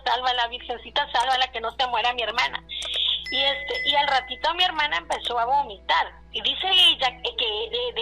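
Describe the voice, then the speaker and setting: A woman with a Mexican accent tells a personal story in a loose, rambling way, with a grainy, gravelly edge to her voice. Her tone is bright and tense and sits a little high. She keeps circling back with little fillers as she goes. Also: low-quality recording. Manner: rambling, repeats "le digo" and "dice", fillers like "este". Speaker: guest telling a personal story. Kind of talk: casual spoken storytelling.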